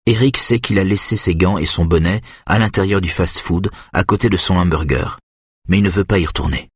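A man reading a thriller audiobook in a measured, steady present-tense narration. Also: low voice, breathy edge, dry recording, studio quality.

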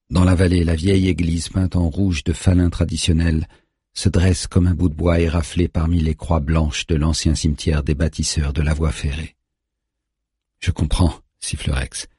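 A man narrating a thriller audiobook in a steady, tense storytelling manner. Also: extremely low pitch, slightly rough, no echo, studio quality.

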